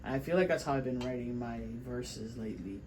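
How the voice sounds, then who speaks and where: A young rapper and vlogger from Miami in South Florida talks casually and at length in his recording studio, rambling and repeating himself. His medium-pitched voice is expressive and brisk, with background noise present.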